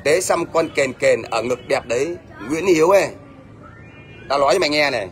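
A man's voice: fairly high pitch, moderate pace. Blunt scolding middle-aged Vietnamese man. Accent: Northern Vietnamese. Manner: blunt, scolding, repeats "thấy chưa?". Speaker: livestreamer. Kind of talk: ranting livestream to viewers. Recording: faint background noise.

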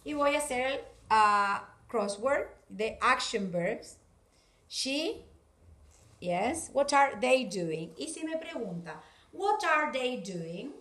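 A woman with a Rioplatense Spanish accent giving a video English class to children, saying English words slowly and with care. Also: fairly high pitch, animated, fairly bright tone, reverberant. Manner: slow, careful, exaggerated English words for children. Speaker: English teacher.

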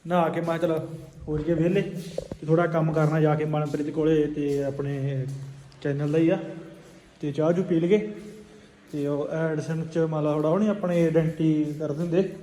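A man's voice: on the high side, level tone, moderate pace, dark tone. A man with a Punjabi accent chatting casually and colloquially to his viewers as a vlogger. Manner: colloquial, addressing viewers as friends. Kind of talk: casual vlog chat. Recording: noisy phone vlog with ambient sound.

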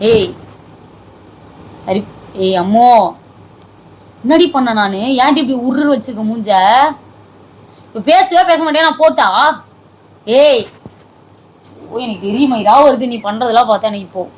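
A woman's voice: on the high side, expressive, measured pace, pauses often, poor audio. A woman who keeps pleading and scolding in a comedy sketch at home. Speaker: comedy video creator.

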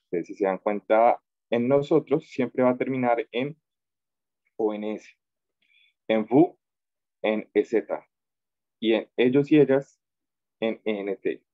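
A man teaching an online French class, drilling verb forms slowly and patiently. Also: lowish voice, no echo, phone-quality sound. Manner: slow, patient drilling of conjugations. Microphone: video call.

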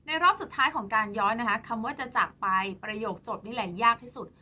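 A woman with a fairly high voice leads a singing lesson, walking through each line of a song with patient, step-by-step explanations. She regularly slips into brief sung demonstrations, and soft instrumental music sits underneath. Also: fast talker. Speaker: singing teacher.

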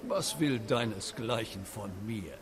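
An actor playing a haughty, hostile auction house owner, speaking curtly and with disdain. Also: male voice, fairly low pitch, expressive, unhurried, noisy background. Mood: disdainful. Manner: curt, disdainful.

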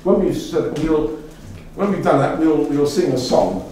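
A man's voice: on the high side, moderate pace, mellow. Older man lecturing in an echoey room. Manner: rambling, chatty, with many fillers and restarts. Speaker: speaker giving a talk to a local society. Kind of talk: informal lecture. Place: meeting room with an audience. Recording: echoey room, mic far off, faint room noise.

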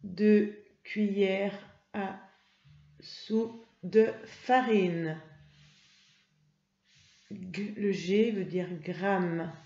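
Slow, patient woman teaching reading. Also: medium pitch, fairly even intonation, dark tone, soft background music. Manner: patient, encouraging, spells out letters slowly. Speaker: first-grade teacher. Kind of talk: reading lesson for young pupils. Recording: roomy, slightly dull home recording.

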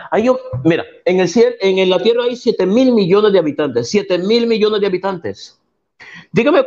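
A man's voice: high voice, darkish tone. A man in a heated online debate, combative and preachy, quoting scripture at his opponent. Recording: dull lo-fi call audio.

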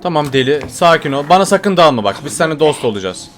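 A man playing a horror game and commenting as he goes, yelling when startled and whispering while he sneaks. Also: fairly high pitch, sing-song, fast talker, a little hiss or hum. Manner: jumpy, shouts when scared, drops to hushed muttering when sneaking. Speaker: gaming YouTuber.

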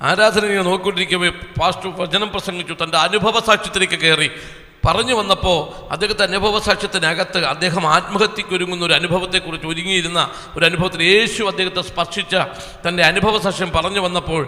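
Bright-voiced man testifying in a hall. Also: high-pitched, fairly even intonation. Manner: earnest storytelling with long pauses. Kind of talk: personal testimony at a church service. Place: small church hall. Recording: echoey hall reverb.

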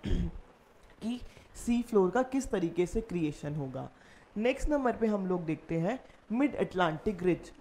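A woman's voice: on the low side, dark tone. A woman giving an online geography lecture as a teacher, walking through slides and asking questions she then answers herself. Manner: explanatory, asks questions then answers them.

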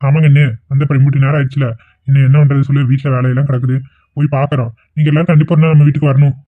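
A man's voice: mid-range voice, level tone, racing, dry recording, lightly acted. A man voicing a kindly middle-aged relative in a cartoon, speaking earnestly and soothingly. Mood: courteous. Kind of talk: cartoon voice acting. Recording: dry, tinny phone-like audio.

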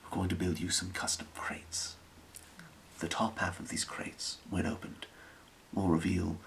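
A man in a whispered role-play, playing a scheming thieves' guild boss with a breathy, creaky whisper and a measured, secretive delivery. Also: sits low, a bit bright, low-quality recording.

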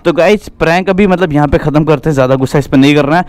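A man's voice: fairly high pitch, very fast, darkish tone, no room sound. A man vlogging casually outdoors in a park, teasing and laughing often. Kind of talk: casual vlog chat. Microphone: action camera.

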